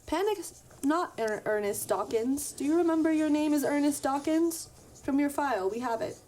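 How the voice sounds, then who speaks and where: A woman's voice: high voice, normal speed, a little mellow, slight background noise, voice pushed up, close to an everyday voice. A woman voicing formal, odd-spoken unseen beings. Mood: calm formal.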